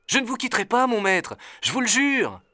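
A high, eager young servant. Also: male voice, big pitch swings, fairly quick, bright, forceful tone, dry recording, exaggerated voice. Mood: devoted. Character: loyal devoted young male servant, cheerful. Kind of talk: storybook reading.

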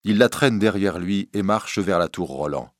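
A man's voice: low-pitched, animated, moderate pace, dry recording, clean studio sound. A man narrating a classic story aloud in a dramatic reading style.

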